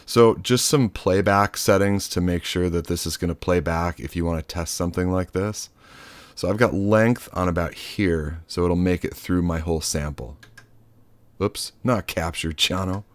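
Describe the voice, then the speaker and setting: A man's voice: sits low, fairly even intonation, moderate pace, dry recording. A man giving a loose, chatty hands-on synth tutorial, cracking offhand jokes and the odd swear word. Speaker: synth module demonstrator.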